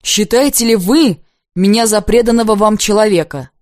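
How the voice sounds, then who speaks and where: Woman reading an earnest, halting young suitor. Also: mid-range voice, darkish tone, dry recording, clean studio sound, natural voice. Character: earnest, straightforward young man, a shy suitor.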